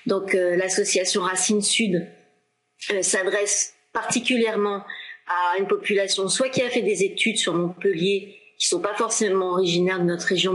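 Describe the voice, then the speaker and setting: A woman from France in her forties speaks in a slightly low voice. She talks in an easygoing, chatty interview manner, full of fillers and small restarts. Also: poor audio. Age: 40s. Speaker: association founder, interviewee. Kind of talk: casual interview talk.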